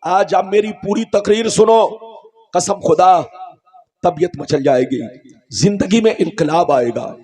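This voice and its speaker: A male preacher giving a rousing, declamatory sermon with repeated refrains, calls to the crowd, sudden shouts and sung lines. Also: high-pitched. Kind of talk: Urdu religious sermon.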